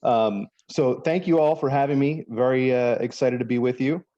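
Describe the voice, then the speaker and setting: A man from Miami, working as an attorney, walks through a presentation quickly and fills gaps with "uh." His voice is mellow and relaxed. The sound is dull and lo-fi, like a remote call. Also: mid-range voice. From Miami, Florida. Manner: quick, explanatory, many fillers. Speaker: attorney, panel speaker. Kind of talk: conference presentation.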